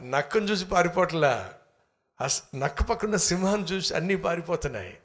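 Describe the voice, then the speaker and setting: An emphatic man preaches a sermon, weaving in a story. His voice sits rather high for a man. He keeps putting rhetorical questions to his listeners. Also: expressive, normal speed, a bit bright.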